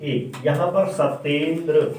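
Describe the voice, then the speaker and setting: A man teaching a grammar lesson, slowly asking each question and then answering it himself, dropping his voice on the key sounds. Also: steady tone, darkish tone, slight background noise. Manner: drags out and drops pitch on key sounds. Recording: echoey room, far from the mic.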